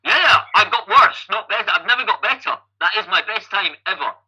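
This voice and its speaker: A Scottish man in his fifties, an amateur endurance athlete, tells his life story as a podcast guest, often restarting his phrases. His voice is high-pitched, animated and brisk, bright and forceful with a breathy edge. The recording quality is low.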